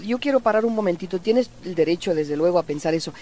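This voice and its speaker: A woman hosting a radio call-in show, lively, exclamatory and chatty. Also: fairly low pitch, quick pace. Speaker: radio host.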